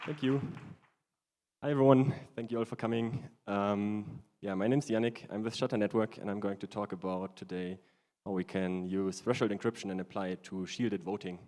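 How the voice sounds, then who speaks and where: A man with a low voice gives an informal technical talk on stage. He is halting and often searches for words. Long reverb from the hall trails his speech. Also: steady tone, darkish tone. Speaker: conference speaker, stand-in presenter. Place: conference stage in a large hall.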